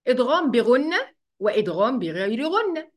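A woman with an Egyptian accent teaching an online Quran recitation lesson. She explains each rule step by step, asks the class questions, and draws the recited words out slowly. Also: fairly high pitch, sing-song. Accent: Egyptian Arabic. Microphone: computer mic, writing with a mouse.

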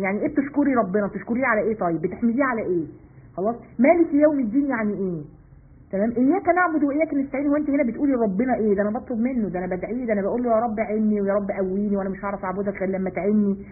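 An Egyptian man leads a live-streamed religious lesson in a high, husky voice. He poses rhetorical questions and answers them himself. The sound is thin and tinny, like a phone line. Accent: Egyptian Arabic. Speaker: religious teacher.

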